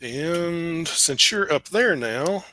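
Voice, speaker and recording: A man narrating a tabletop game as game master, relaxed and explanatory with frequent fillers. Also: a little high, very slow.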